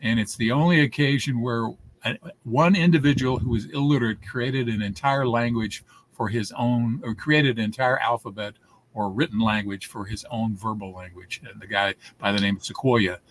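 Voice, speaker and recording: A man's voice: medium pitch, moderate pace, a little hiss or hum. A man in his seventies, a guest telling stories in a casual interview, rambling with many restarts. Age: 70s.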